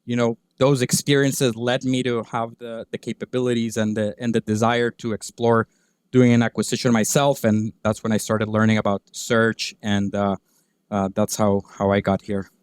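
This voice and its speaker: A man in his thirties from Guatemala, a podcast guest talking through his career in a relaxed, halting way with lots of fillers. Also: on the low side, clean tone, no echo, studio quality. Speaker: podcast guest, business owner. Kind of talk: conversational interview.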